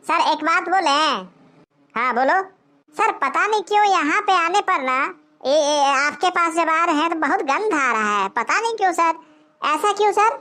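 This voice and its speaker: A woman voicing a silly young male cartoon waiter who talks slowly and politely. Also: very high-pitched, animated, pushed and bright, heavily acted. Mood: drawling. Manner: slow, drawling and polite. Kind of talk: cartoon voice acting.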